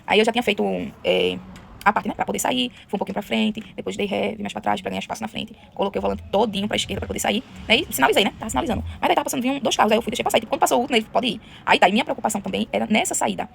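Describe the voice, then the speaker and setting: Fast-talking gravelly woman. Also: medium pitch, slight background noise. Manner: chatty, lively, retells scenes with quoted voices. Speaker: vlogger. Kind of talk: casual storytelling to camera.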